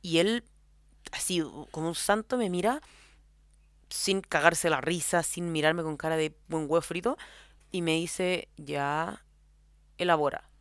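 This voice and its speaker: A woman's voice: lowish voice, measured pace, no room sound, studio quality. A young woman with a Chilean accent telling a personal story in a casual, rambling way, full of filler words. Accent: Chilean Spanish. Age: young adult.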